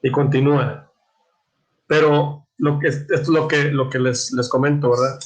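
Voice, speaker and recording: A man teaching a catechism class, reading scripture aloud and explaining it with many restarts, throat clearing and questions to his listeners. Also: medium pitch, fairly even intonation, poor audio. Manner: halting, repeats words, frequent throat clearing, asks "¿verdad?".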